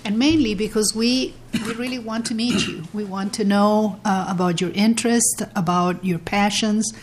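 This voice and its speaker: Woman chairing a hearing, halting. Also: mid-range voice, fairly even intonation, slight background noise. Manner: halting, with many fillers and restarts. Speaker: committee chair.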